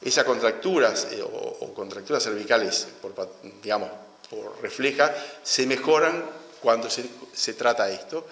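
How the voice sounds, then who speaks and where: A man with a Uruguayan Spanish accent giving an academic lecture, halting and restarting his phrases often. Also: medium pitch, fairly bright tone. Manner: halting, with frequent restarts and fillers. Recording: roomy hall with long reverb.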